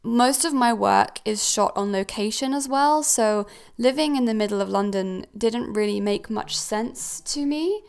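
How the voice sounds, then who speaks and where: A young woman raised in Switzerland hosts a casual solo podcast from her new house, chatting with lots of ums and self-corrections. Her fairly high voice is clear and resonant yet creaky, and she speaks unhurriedly with few pauses.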